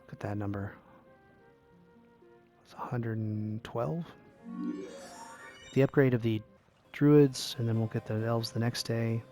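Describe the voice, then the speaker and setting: A man calmly explaining a strategy game step by step as a tutorial host, drifting into rambling asides. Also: mid-range voice, a little slow, pauses often, soft background music. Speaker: gaming YouTuber, tutorial host. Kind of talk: casual gameplay tutorial commentary.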